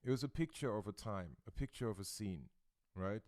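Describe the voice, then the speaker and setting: A man's voice: on the low side, lively intonation, a little fast, darkish tone, no echo, studio quality. A male host from Austria chatting in an interview, thoughtful and searching for his words. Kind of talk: casual interview chat. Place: Brooklyn, New York.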